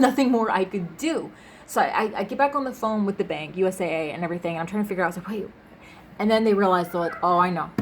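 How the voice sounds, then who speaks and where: A woman's voice: fairly low pitch, background noise. A young woman vlogger upset and rambling as she recounts a personal ordeal at home, full of restarts and fillers. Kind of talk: emotional personal storytelling.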